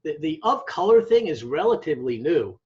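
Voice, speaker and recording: Over dull, lo-fi audio with background noise, an American demographer talks in a fairly high, sing-song voice at a slightly fast clip. As an interviewed academic, he explains in an emphatic, teacherly way, frequently checking in and asking rhetorical questions.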